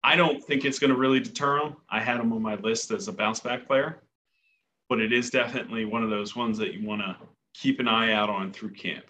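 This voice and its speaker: A man's voice: on the low side, fairly even intonation, fairly quick, sharp tone, a little hiss or hum. A man co-hosting a casual sports podcast, giving plain, firm opinions. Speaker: podcast co-host. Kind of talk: casual fantasy football chat.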